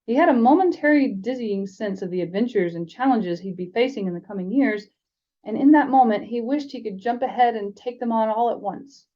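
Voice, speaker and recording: This American woman co-hosts a fan podcast, reading stories aloud and chatting casually about books, and also works as an audiobook reader. Her voice sits a little high, brisk and mellow, on dull-sounding audio.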